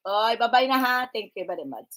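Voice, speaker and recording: Slow, bright-voiced woman livestreamer. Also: a little high. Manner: playful, teasing banter with chat viewers, mixing in English phrases. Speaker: livestream vlogger greeting viewers. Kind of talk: casual live-stream chat.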